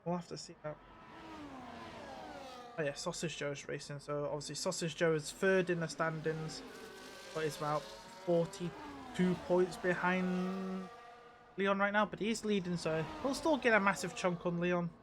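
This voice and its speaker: High-voiced chatty race commentator man. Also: steady tone, a little slow, background noise. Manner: chatty, restarts and apologises. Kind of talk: live sim racing commentary.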